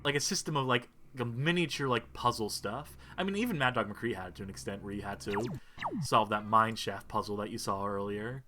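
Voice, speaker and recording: A man's voice: on the low side, a little fast, pushed and bright, a little hiss or hum. A man doing casual gameplay commentary with wry, folksy asides. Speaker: video game streamer. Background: game music and sound.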